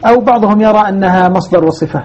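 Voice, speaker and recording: A man's voice: sits high, rapid-fire, darkish tone. A man teaching a Quran recitation lesson, explaining step by step and quizzing his student. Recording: muffled lo-fi recording with faint noise.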